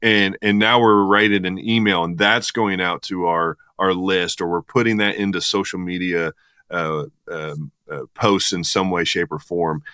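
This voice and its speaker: A man's voice: low voice, steady tone, normal speed, bright, forceful tone, clean tone, dry recording, clean studio sound. A man from the US Midwest co-hosting a podcast, talking casually and enthusiastically with many restarts. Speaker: podcast co-host.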